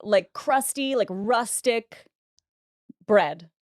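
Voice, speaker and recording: A woman's voice: a little high, animated, extremely slow, no room sound, clean studio sound. A woman co-hosting a casual podcast, backing up her partner with short agreements and playful asides. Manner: supportive, chimes in with short agreements. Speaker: podcast co-host. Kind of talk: casual chat.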